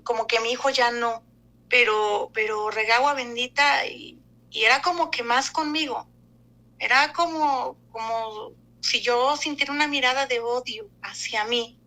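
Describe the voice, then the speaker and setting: A woman giving an emotional personal testimony, talking haltingly with many fillers and restarts. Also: on the high side, fairly even intonation, pushed and bright, poor audio. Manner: fearful, emotional retelling.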